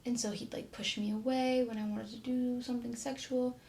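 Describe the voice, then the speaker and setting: A woman in her twenties tells her own story straight to camera. Her voice sits a little high and carries a lot of vocal fry. She speaks softly and haltingly, often trailing off into near silence. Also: little pitch movement, a little hiss or hum. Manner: soft-spoken and halting, often trailing off quietly.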